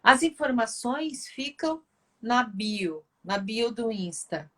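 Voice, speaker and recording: Host, woman, slow measured delivery, reads viewer questions. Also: fairly high pitch, lively intonation, bright, forceful tone. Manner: unhurried, reading viewer questions aloud. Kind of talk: hosting a live video chat.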